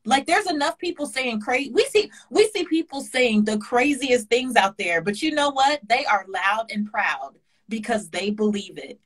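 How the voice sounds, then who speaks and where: A woman with a fairly high, animated voice speaks at a moderate pace as a guest in a video-call interview, recorded through a webcam in her home kitchen. Her delivery is passionate and preachy, and she piles up repeated phrases for emphasis.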